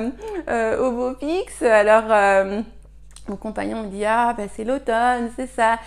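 A woman hosting a casual spoken lesson, chatting with lots of fillers and spelling words out slowly. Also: fairly high pitch, vocal fry. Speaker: English teacher and podcast host.

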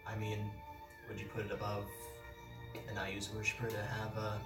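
A man playing a tabletop game, improvising in character in a halting, hesitant way. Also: fairly low pitch, monotone. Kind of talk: improvised role-play chat. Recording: echoey room, distant mic, music behind.

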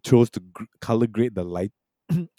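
Deep, mellow-voiced man rambling casually. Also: lively intonation, moderate pace, dry recording, clean studio sound. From Malaysia and Singapore. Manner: rambling, many fillers and restarts. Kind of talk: casual film discussion.

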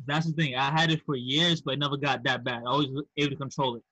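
A man's voice: medium pitch, steady tone, fast, sharp tone, no room sound, muffled recording. A man from Queens, New York with a Queens accent, talking candidly and casually as a podcast guest. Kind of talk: casual conversational interview.

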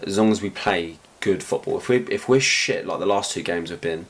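A very low-pitched man with a croaky, worn-out voice talks football casually. He rambles and stops to restart his sentences. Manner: rambling, halting, lots of fillers. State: croaky, tired voice. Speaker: podcast host.

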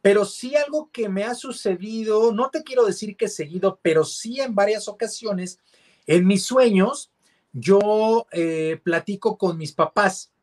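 A man's voice: high-pitched, measured pace, darkish tone. A man, a radio announcer and guest on an interview show, telling a personal story in a reflective, hesitant way with many fillers and restarts. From Mexico.

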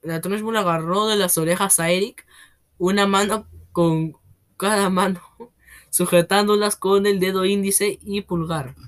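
A narrator reads a children's novel aloud in a steady storytelling manner, the voice sitting at a plain middle pitch. It drops lower on each speech tag. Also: a little slow.

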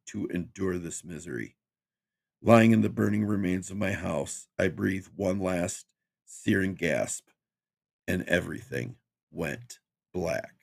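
A man narrating a horror story with a measured, grim, dramatic delivery. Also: deep voice, vocal fry.

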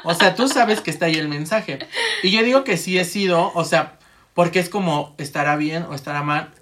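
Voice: medium pitch, fairly quick, fairly bright tone. A speaker in a casual chat, rambling and acting out their own inner monologue. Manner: rambling, acts out inner monologue, laughs often.

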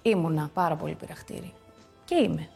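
A young woman in her twenties from Greece, a guest actress talking casually and candidly in an interview, quick to laugh at herself. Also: low voice, gravelly, dark tone, husky, faint music behind.

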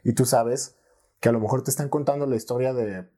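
A man's voice: medium pitch, steady tone, a little fast, mellow. A young man with a Mexican accent, talking loosely on a podcast. He argues his opinions bluntly and swears freely in an easy, joking way. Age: young adult. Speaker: podcast co-host. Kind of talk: casual chat.

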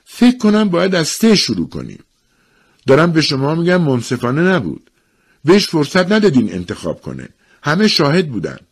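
A man doing a shrill, indignant village wife. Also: few pauses, warm tone, natural voice. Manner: raised, insistent pleading. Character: shrill, indignant village housewife protesting unfairness.

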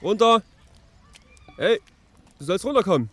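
A man's voice: high-pitched, animated, a little slow, a bit bright, pitched above the performer's own voice, heavily acted. A man playing a stern, fussy pool attendant who scolds and stammers in a comedy sketch. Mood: scolding. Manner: scolding, stammers and repeats himself. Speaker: podcast host.

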